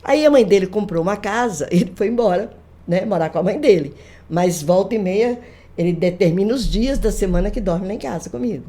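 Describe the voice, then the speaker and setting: Older woman, grandmother, podcast guest, mellow warm tone, animated storytelling. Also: mid-range voice, a little fast. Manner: lively, animated retelling with quoted voices. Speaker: guest, folklorist. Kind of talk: casual storytelling conversation.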